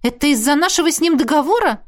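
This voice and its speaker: A pushy young witch, jealous and prying, her voice pitched high and pressing hard on every question, as a woman narrator puts her on. She sounds like a headstrong student of magic who won't let a friend dodge. It is an audiobook character voice. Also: animated. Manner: indignant, prying, quick to raise her voice.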